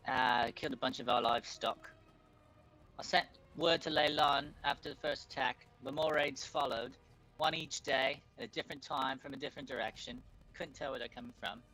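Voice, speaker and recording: A man voicing a weary old village headman who talks gruffly and plainly, swearing under his breath. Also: medium pitch, fairly even intonation, moderate pace, pushed and bright, soft background music, voice pushed up, natural voice, rough recording.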